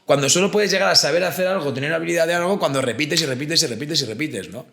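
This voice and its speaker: Animated man with gravelly voice. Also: a little high, fast, echoey room, background noise. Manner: animated storyteller, acts out quoted voices. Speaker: podcast co-host, therapist. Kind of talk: casual conversation.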